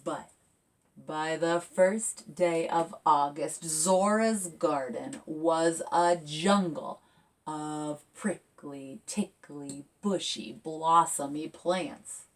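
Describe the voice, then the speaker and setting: This is a female children's author reading a picture book aloud and talking to young listeners, drawing them along with expressive, engaging delivery. Her voice is low, her words drawn out, and she's far from the mic.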